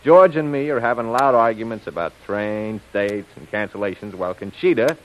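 In the style of a 1930s radio serial, an actor plays a scheming, cocky gangster henchman, using slangy, conspiratorial tough talk. His voice is lowish and natural at a normal speed, and the old radio recording sounds muffled.

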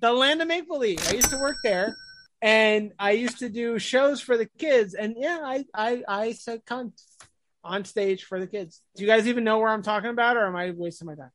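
A woman's voice: on the high side, moderate pace, no room sound. An American woman hosting a casual chat, telling stories with self-mocking humor. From United States. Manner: chatty, self-mocking storyteller.

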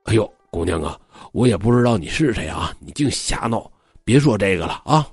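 A man playing a timid, courteous young scholar who cuts firewood, in a husky voice. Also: lowish voice, animated, fairly quick, a little mellow, no echo, clean studio sound, faint music behind, pitched below the performer's own voice. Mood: nervous. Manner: nervous, bookish, courteous. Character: timid polite young male scholar woodcutter.

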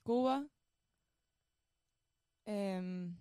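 A woman's voice: mid-range voice, drawn-out words, mellow, clean tone, no echo, clean studio sound. A woman co-hosting a casual podcast chat, teasing the others and laughing often.

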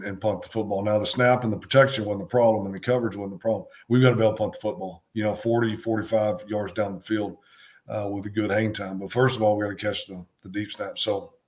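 A middle-aged man, a former football coach, co-hosting a sports talk show, talking in a halting way with many ums and restarts. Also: fairly low pitch.

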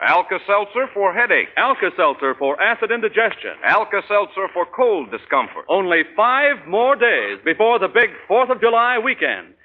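A man announcing on a 1940s radio show, reading sponsor lines and introductions in a declamatory old-time style. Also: high voice. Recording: tinny 1940s radio broadcast.

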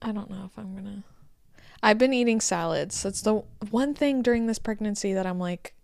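A heavily pregnant woman in her late twenties, co-hosting a podcast in casual, rambling chat and quoting herself in lively asides. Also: mid-range voice, normal speed, gravelly, no echo, clean studio sound. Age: 20s. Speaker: podcast co-host.

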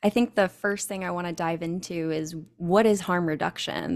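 A woman hosting a podcast, speaking earnestly and affirming her guest in a casual interview. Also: low-pitched. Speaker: podcast host.

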